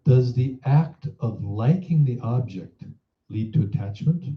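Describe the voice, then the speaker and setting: Speaking at a very slow, measured pace, a man with an average-pitched voice and lively intonation guides a meditation. He teaches by posing reflective questions to the listener. The recording sounds dull and has a clear, roomy echo.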